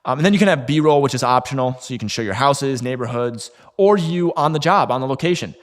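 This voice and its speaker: A man's voice: medium pitch, expressive, a little fast, in a large hall. A man giving a casual instructional talk to camera as a marketing coach, conversational, with fillers and occasional restarts.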